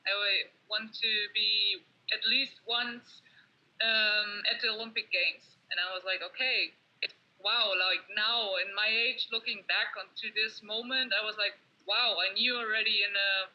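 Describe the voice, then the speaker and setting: A young German woman with a German accent, answering interview questions in English, halting with many fillers and restarts. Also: mid-range voice, steady tone. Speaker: guest athlete. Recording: dull lo-fi audio.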